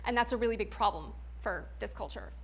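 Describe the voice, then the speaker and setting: A woman's voice: medium pitch, expressive, fairly quick. A young adult woman giving a candid talk, frank and chatty, full of "like" and "um" fillers, laughing often.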